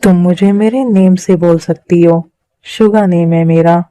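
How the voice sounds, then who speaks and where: A woman's voice: fairly low pitch, steady tone, unhurried, mellow, no room sound, close to an everyday voice, poor audio. A woman voicing a stern, protective older brother in a fan-made dubbed drama. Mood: polite. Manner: scolding, protective.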